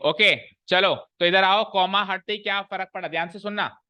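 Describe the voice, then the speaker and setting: A man lectures a class on English grammar, keeping them engaged with constant questions and repeated key phrases. His voice sits a touch higher than usual. The recording is dry and somewhat dull, like a basic lo-fi classroom capture. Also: fairly even intonation, moderate pace, clear, resonant tone, no room sound.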